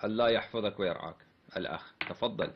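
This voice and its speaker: Very rapid-speaking male call-in host. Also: on the low side, a little hiss or hum. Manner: courteous, short formulaic blessings. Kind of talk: taking calls on air. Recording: slightly dull lo-fi audio.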